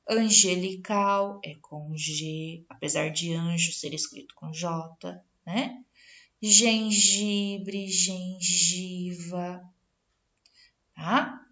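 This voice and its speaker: Slow, deliberate Brazilian woman teacher. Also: mid-range voice, vocal fry, fairly bright tone, lo-fi sound. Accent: Brazilian Portuguese. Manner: deliberate, spells out word lists, frequent checks with the class. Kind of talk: spelling lesson.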